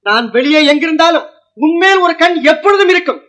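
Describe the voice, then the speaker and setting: An actor playing a defiant young nephew in a 1950s film, arguing and declaiming formal lines. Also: male voice, very high voice, expressive, fairly quick, pushed and bright, exaggerated voice. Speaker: nephew in the household.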